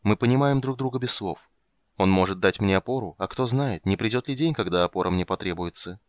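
A proud, sharp-tongued sorceress, as a man reads her out in an audiobook. Her voice sits low yet lifts with scorn, biting and haughty. The sound is dry and close. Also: fairly quick, no room sound, close to an everyday voice. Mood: scornful. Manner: haughty, biting, then wistful. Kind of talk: audiobook character reading.

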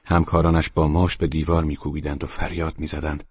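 Audiobook narrator: man, very deep and breathy, quiet measured delivery, dry lo-fi sound. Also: flat delivery, dry recording. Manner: quiet, measured, at times near a whisper. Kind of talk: scripted narration. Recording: dry, dull lo-fi studio recording.

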